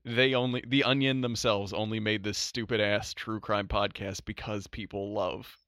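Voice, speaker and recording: A man's voice: on the low side, flat delivery, moderate pace, fairly bright tone, dry recording, studio quality. A man hosting a podcast in casual chat, laughing often and acting out quotes. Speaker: podcast host.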